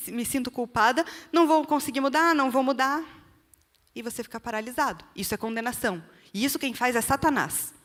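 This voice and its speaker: A woman with a Brazilian accent delivers a church testimony in an earnest sermon style, often speaking straight to her listeners. Her voice sits a little high for a woman. A long reverb from the church hall trails each phrase. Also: a bit bright. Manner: earnest, direct appeals to the listener.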